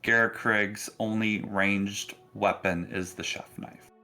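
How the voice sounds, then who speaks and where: With music behind him, a man narrates a tabletop role-playing session on the fly, his delivery relaxed, halting and full of pauses. His voice is fairly low yet bright and forward, and his tone stays steady.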